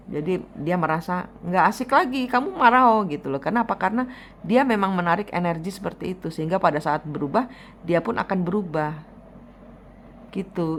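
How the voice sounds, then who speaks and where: Woman tarot reader, lower voice, blunt emphatic advice, faint background noise. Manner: blunt, emphatic advice with repeated "gitu loh", drops into Javanese phrases. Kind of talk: personal tarot reading, advising a client.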